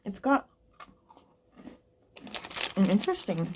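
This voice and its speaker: A woman's voice: mid-range voice, sing-song, slow, noisy background. A woman book vlogger chatting casually to camera and thinking aloud with restarts, eating snacks between sentences. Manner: eating snacks while talking.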